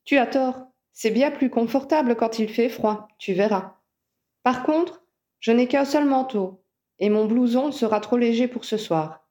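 A woman reading aloud and voicing a confident, teasing young male wizard, in a mellow voice. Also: fairly high pitch, a little slow, natural voice. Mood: cheerful. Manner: teasing, cheerful insistence.

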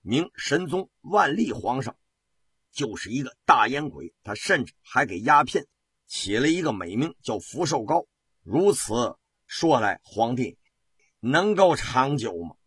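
A man telling a traditional story on the radio with dramatic, rhythmic delivery and drawn-out particles. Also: mid-range voice, very animated, a bit bright, husky, no room sound. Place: radio studio.

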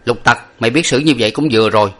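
A man's voice: medium pitch, racing, a bit bright, natural voice. A man voicing a stern young male master who scolds his servant. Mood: scolding.

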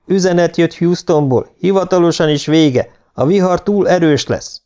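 A man's voice: fairly high pitch, mellow, pitched above the performer's own voice, close to an everyday voice. A man reading an audiobook, voicing a male pilot who gives matter-of-fact radio reports. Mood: steady. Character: male pilot, steady and precise.

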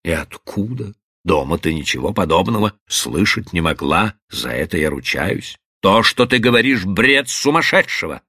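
A man's voice: sits low, big pitch swings, normal speed, pushed and bright, breathy edge, no echo, studio quality, pitched below the performer's own voice, heavily acted. A male reader voicing a sarcastic, hot-tempered older father in an audiobook, mocking and then thundering at his daughter. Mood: cold. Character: stern older Irish-American father, sarcastic, furious.

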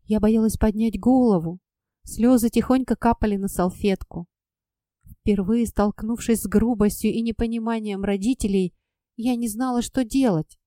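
A woman narrating a first-person audiobook in an expressive, measured reading. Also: a little high, no echo, clean studio sound.

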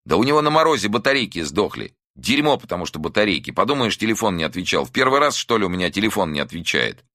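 A man voicing a big, scruffy grown son who shouts and scolds his mother in a frantic rage. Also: low-pitched, sing-song, quick pace, no room sound, clean studio sound, voice pushed up, exaggerated voice. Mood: grumbling. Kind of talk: audiobook dialogue.

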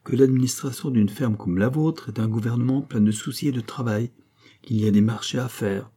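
A man's voice: medium pitch, brisk, warm tone, natural voice. A man voicing an eager young peasant man who earnestly pleads his case in an audiobook reading.

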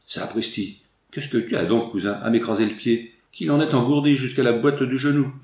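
A man voicing a loud, jovial young country soldier who talks bluntly and boisterously. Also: steady tone, moderate pace, echoey room, lightly acted. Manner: boisterous, booming country talk.

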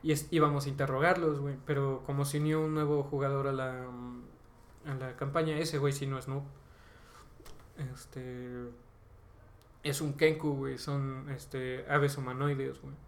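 A man's voice: mid-range voice, moderate pace. A man with a Mexican accent casually retelling a tabletop game session on a podcast, slangy and full of fillers. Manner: slangy, filler-heavy, ends phrases with "güey"; rambling, animated retelling with bursts of laughter. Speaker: podcast host. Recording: roomy echo, faint background ambience.

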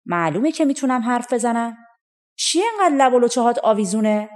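A woman voicing an old talking cow from a folk tale, giving calm, confiding advice. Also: fairly high pitch.

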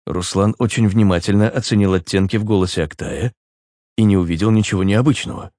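A man narrating an audiobook in an even, steady storytelling manner. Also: fairly low pitch, brisk, no room sound, studio quality. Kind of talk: scripted narration.

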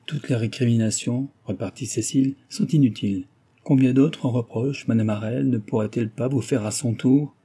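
A dignified young heiress in a classic audiobook, gentle and composed, as a male narrator reads her. The voice stays dark, husky and even. Her sentences are measured and calm. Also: mid-range voice. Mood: earnest. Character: young wealthy orphan woman, dignified and gentle. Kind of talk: audiobook character reading.

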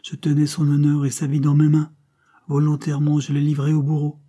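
A man's voice: medium pitch, fairly quick, warm tone, slightly rough, voice pushed up, close to an everyday voice. A man voicing an anguished young wife and mother, insistent and pleading.

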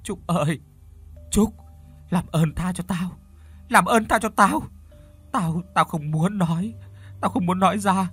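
Man doing a terrified young woman for a storybook, begging and stammering, bright voice. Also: sits high, unhurried, pauses often, husky, faint music behind, voice pushed up, exaggerated voice. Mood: pleading. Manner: pleading and stammering.

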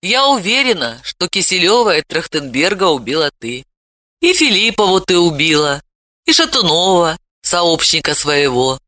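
A woman's voice: fairly low pitch, sing-song, moderate pace, sharp tone, no room sound. A woman reading an audiobook, voicing a curt, sardonic middle-aged woman. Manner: dry, sarcastic, curt. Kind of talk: audiobook character voice.

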